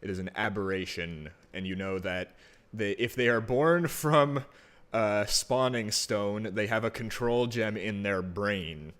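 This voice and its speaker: Male game master, low voice, narrating tabletop roleplaying play. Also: measured pace, a bit bright.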